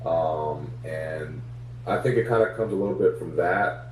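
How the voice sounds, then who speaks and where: A comedian guest in a casual interview talks things through reflectively, using lots of fillers. His voice is low and darkish, his pace a little slow. The room is echoey, the mic distant, and a faint hum runs underneath.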